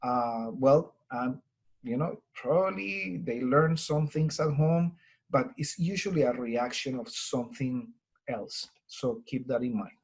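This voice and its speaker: Man, Colombian Spanish accent, husky voice, medium pitch, earnest webinar talk, lots of ums and uhs. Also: measured pace. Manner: earnest, conversational, frequent fillers. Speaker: language teacher presenter. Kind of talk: webinar presentation.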